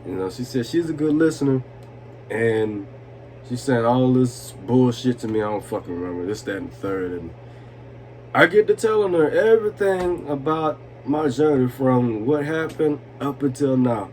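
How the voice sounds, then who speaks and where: A young vlogger in his twenties, tipsy on vodka, tells the camera a heated, foul-mouthed drunk story. His voice is medium-pitched and a little mellow, at a normal pace, with a faint hiss or hum in the background.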